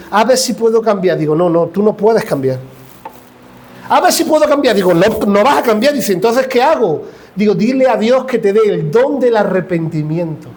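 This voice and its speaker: Middle-aged Andalusian evangelical pastor, high-pitched man, impassioned sermon that acts out scenes and questions the pews. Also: darkish tone. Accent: Andalusian Spanish. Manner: impassioned preaching, acts out dialogue, asks the congregation questions. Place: church.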